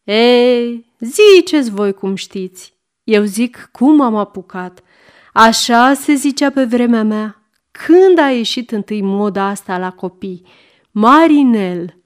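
A woman's voice: on the high side, lively intonation, clear, resonant tone, close to an everyday voice. A woman reading aloud and voicing a fussy, doting old grandmother who is stubborn and old-fashioned.

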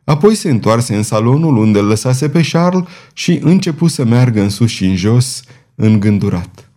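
A man narrating an audiobook novel in a measured, dramatic reading. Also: medium pitch, lively intonation, warm tone. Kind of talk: scripted narration.

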